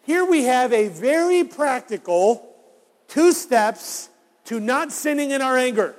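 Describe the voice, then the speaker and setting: A man's voice: very high voice, animated, slow pace, big-room sound. A man preaching a sermon as a pastor, talking conversationally and putting rhetorical questions to his congregation.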